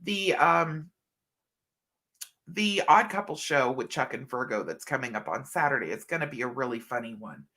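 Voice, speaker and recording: A middle-aged woman with an extremely low, expressive voice and a fairly bright tone hosts a casual livestream at a moderate pace. Stuffed up and a little scratchy from allergies, she reads comments and chats affectionately with viewers, calling them hun and honey.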